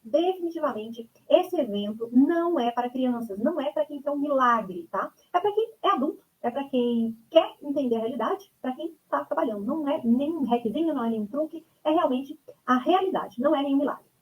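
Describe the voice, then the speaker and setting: A woman's voice: sits high, lively intonation, fairly quick, muffled recording. A woman in her thirties with a Brazilian accent, presenting her online course as a chatty instructor who keeps checking in with her listeners. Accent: Brazilian Portuguese. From Brazil (Goiânia). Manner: chatty, leans on tags like "né?" and "tá?". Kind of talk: webinar presentation.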